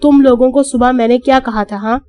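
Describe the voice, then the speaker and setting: A woman's voice: a little high, fairly even intonation, warm tone, dry recording, natural voice. A woman voicing a curt, commanding police officer. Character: stern young male police officer, commanding.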